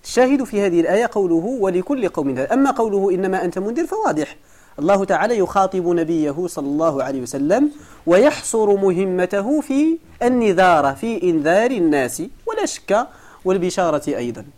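A man's voice: sits high, sing-song, quick pace, a little mellow. A man with a Moroccan accent teaching a lesson, explaining a text step by step and putting questions to his students. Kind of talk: lesson commentary.

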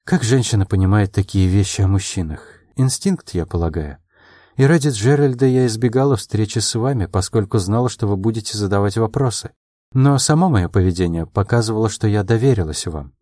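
A man voicing a proud, quick-tempered young woman in an audiobook, her lines pitched a little above his own and delivered in quick, emotional replies. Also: lively intonation, dark tone, no echo, studio quality. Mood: defensive, earnest.

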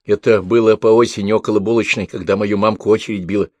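A man's voice: lowish voice, fairly even intonation, quick pace, a little mellow, dry recording, natural voice. A man voicing an eager village boy with simple, folksy speech, in an audiobook. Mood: insistent.

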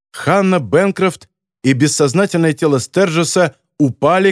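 A man narrating a novel with an expressive, animated reading. His voice sits a little high, and the recording is dry with no room sound. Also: dry recording. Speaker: audiobook narrator. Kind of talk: scripted narration.

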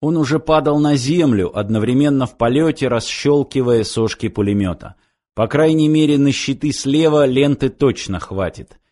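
A man narrating an audiobook in an even, measured storytelling manner. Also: medium pitch.

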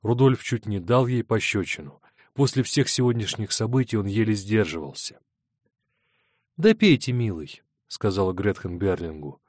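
A man with a fairly low voice reads a scripted audiobook narration in a measured, even storytelling style. The studio recording is clean, with no room sound.

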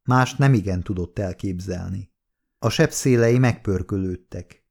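A man reading an audiobook in a steady, measured scripted narration. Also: deep voice, vocal fry.

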